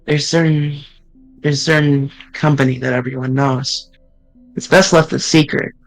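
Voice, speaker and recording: A man with a medium-pitched voice reads visual novel dialogue aloud on a stream, earnestly and haltingly, with small restarts. The audio quality is poor.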